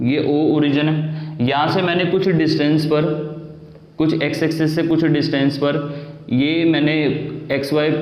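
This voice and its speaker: A young man teaching math at a board, explaining step by step and asking and answering his own questions. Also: fairly high pitch. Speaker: math tutor. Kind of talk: classroom lecture at a board. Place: room with a board. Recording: echoey room, dull lo-fi sound.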